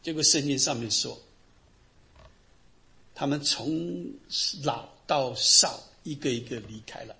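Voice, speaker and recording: A middle-aged man, a pastor, preaching a sermon and telling Bible stories in an animated way. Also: medium pitch, takes it slowly, vocal fry, long pauses. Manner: animated storytelling, acting out the people in the Bible stories.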